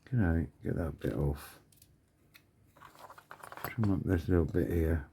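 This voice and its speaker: A man narrates his model build in a casual, muttering way, half talking to himself as he works. His voice sits a little low and sounds warm and mellow rather than bright. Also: takes it slowly, vocal fry, a little hiss or hum. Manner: mumbling, thinking aloud to himself. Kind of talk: casual workbench commentary.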